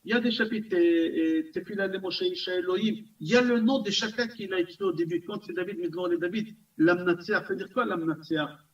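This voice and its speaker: A man, a rabbi, teaching a class in an animated way, repeating himself and asking his listeners questions. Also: high-pitched, brisk. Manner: animated, repetitive, asks the audience questions. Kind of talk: recorded Torah class lecture. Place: community center classroom. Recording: distant, dull lo-fi room recording.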